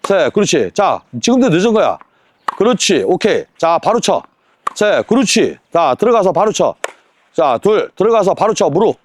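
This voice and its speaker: A man coaching a tennis lesson on court, counting drills and firing quick rhetorical questions at his student. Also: high-pitched, very animated.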